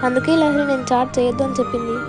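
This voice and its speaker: A woman's voice: high voice, fairly even intonation, very fast. A woman acting an earnest friend in a skit, giving advice. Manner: advising, earnest. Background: music.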